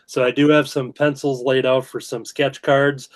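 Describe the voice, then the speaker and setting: A man hosting a casual drawing show, talking in a relaxed way with frequent "uh" fillers. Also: mid-range voice, moderate pace. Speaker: host. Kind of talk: casual video-call chat while drawing.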